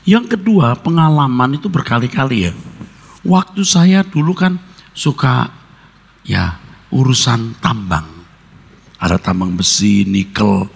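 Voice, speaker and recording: A man preaching a sermon as a pastor, telling personal stories in an animated way with jokes and sound effects. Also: medium pitch, a little slow, creaky, pauses often, breathy edge, big-room sound.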